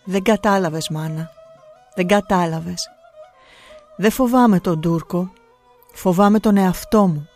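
A woman's voice: fairly low pitch, long pauses, darkish tone, faint music behind, lightly acted. Storybook boy, defiant but scared, pleading hard; woman reader. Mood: fearful. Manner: earnest, vehement pleading.

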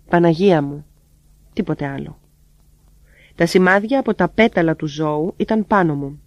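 A calm, measured reader of spiritual teachings in the first person, whose voice drops quiet at the ends of phrases. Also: medium pitch, dry recording.

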